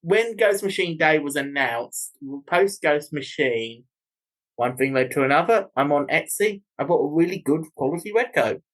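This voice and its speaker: A man's voice: on the high side, lively intonation, normal speed. Man with a thick British-leaning New Zealand accent. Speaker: guest co-host. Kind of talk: casual chat.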